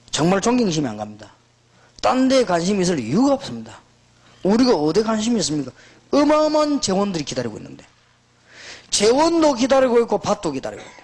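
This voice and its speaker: Husky, lively-pitched man preaching. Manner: emphatic, exhorting, animated storytelling. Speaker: pastor. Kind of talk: sermon.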